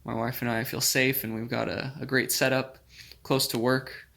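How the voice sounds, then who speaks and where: A man's voice: mid-range voice, little pitch movement, normal speed, gravelly, sharp tone. A man in his thirties from Utah, a surgical resident, giving a friendly, upbeat recorded testimonial. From Utah, USA.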